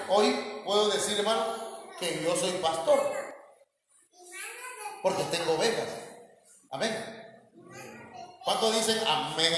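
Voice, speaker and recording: A man's voice: sits high, noisy background. A man with a Mexican Spanish accent, a pastor preaching a sermon to his congregation, calling them brothers and saying amen often, with many fillers. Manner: addresses congregation as hermanos, frequent amén and fillers. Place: church hall. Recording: very echoey church hall with long reverb.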